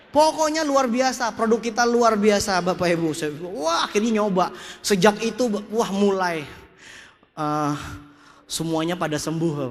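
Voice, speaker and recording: A man gives a lively motivational seminar talk. He tells stories, acts out dialogue and speaks straight to the audience. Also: extremely high pitch. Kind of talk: motivational stage talk with storytelling. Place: large event hall. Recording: echoey hall.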